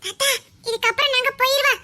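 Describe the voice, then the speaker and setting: A performer voicing polite little grandchildren through a high pitch effect, with a Tirunelveli accent, calling their grandpa again and again. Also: quick pace, pushed and bright, no echo, studio quality, heavily acted. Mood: sweet. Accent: Tirunelveli Tamil. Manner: polite, sing-song, calling grandpa often.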